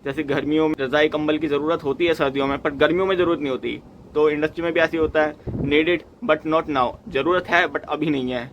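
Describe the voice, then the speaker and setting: A young man with a somewhat high voice explains workplace methods like a mechanical engineer talking to trainees. He keeps it conversational and drops in quick acted asides. A faint hum sits behind him. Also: muffled recording. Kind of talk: casual explanatory talk to camera.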